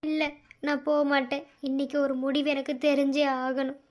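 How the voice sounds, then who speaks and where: A woman doing a young man in a cartoon romance, insistent and pleading with the girl he loves. The voice sits fairly high but barely rises or falls, holding one earnest, teary register throughout. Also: flat delivery, normal speed, close to an everyday voice. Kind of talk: cartoon love-story voice acting.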